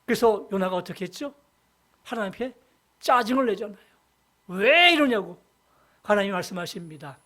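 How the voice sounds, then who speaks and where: A senior pastor preaching a Sunday sermon in a church, retelling a Bible story and swinging between loud emphasis and hushed asides. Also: mid-range voice, animated, normal speed, pauses often. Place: church sanctuary.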